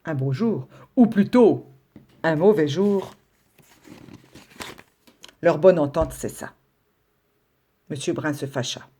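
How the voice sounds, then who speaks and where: Slow, expressive woman reading a story. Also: deep voice, slightly rough. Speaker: teacher. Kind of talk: reading a children's story aloud.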